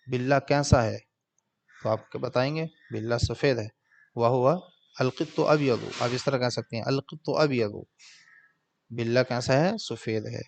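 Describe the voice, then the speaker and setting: A man teaching an Arabic grammar lesson, translating word by word in a slow, patient way. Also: medium pitch, gravelly.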